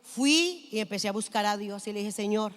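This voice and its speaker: A woman's voice: medium pitch, lively intonation, fairly quick, a bit bright. A woman pastor preaching a sermon, telling a personal story and asking the congregation questions. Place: large church hall. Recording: long hall reverb.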